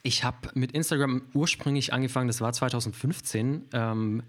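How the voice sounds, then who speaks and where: A German man chats as a guest on a casual podcast, speaking at an ordinary middle pitch and normal speed. Explaining his work, he sounds hesitant, full of fillers, often backing up and restarting sentences.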